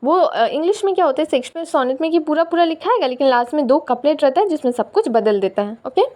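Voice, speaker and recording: A woman's voice: high-pitched, animated, dark tone. A woman with an Indian accent teaching a poetry lesson, mixing Hindi and English, explaining step by step and checking in with her students often. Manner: explains step by step, often repeating "theek hai"; reads English lines slowly and carefully.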